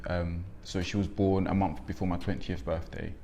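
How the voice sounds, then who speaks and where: Deep-voiced young man, reflective. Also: flat delivery, moderate pace, gravelly, dark tone, a little hiss or hum. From Congo, raised in England. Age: 20s. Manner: reflective, frequent ums. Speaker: interviewee, young father. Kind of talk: documentary interview.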